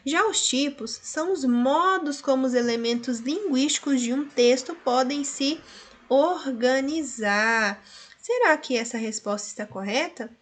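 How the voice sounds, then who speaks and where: A woman's voice: high-pitched, unhurried. A woman teacher with a Brazilian Portuguese accent, going through a revision list in a recorded lesson, drawing out words and checking in with tag questions.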